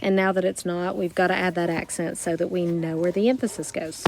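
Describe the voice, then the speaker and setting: A woman teaching a recorded grammar lesson, explaining slowly and carefully with worked examples. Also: fairly low pitch, fairly even intonation, gravelly, a little mellow, a little hiss or hum. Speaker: Spanish teacher.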